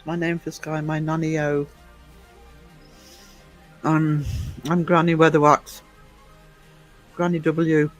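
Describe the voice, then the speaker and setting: Woman, 50s, livestream host, rambling casual chat, chuckles, soft music underneath. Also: sits low, little pitch movement, slow pace, long pauses. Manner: rambling, chatty, chuckles often.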